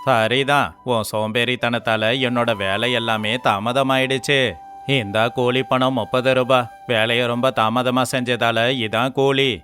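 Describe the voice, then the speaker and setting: A man voicing a harsh, stingy employer in an animated story, with a scornful, scolding delivery. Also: medium pitch, unhurried, faint music behind.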